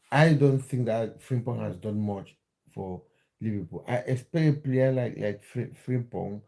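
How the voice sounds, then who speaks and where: Medium-pitched and warm, a Cameroonian man hosts a football livestream, talking casually with his audience. He frequently restarts his phrases as he goes.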